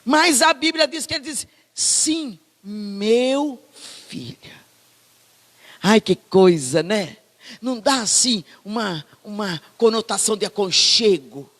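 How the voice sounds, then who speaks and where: A woman pastor with a Brazilian Portuguese accent, preaching a sermon in a lively, conversational way with many asides. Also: mid-range voice, a little slow, big-room sound. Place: church hall.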